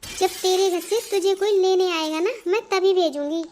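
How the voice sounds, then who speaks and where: A woman voicing a proud, stubborn older mother-in-law in a cartoon, nagging and lecturing in a very high voice. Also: steady tone, moderate pace, darkish tone, a little hiss or hum. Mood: scolding. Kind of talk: Hindi cartoon voice acting.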